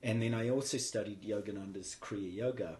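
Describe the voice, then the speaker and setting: A spiritual teacher with a New Zealand accent tells his life story as a guest in a casual interview, with a crowd audible behind him. His lowish voice moves fairly quickly. He is reflective and meandering and often restarts his sentences.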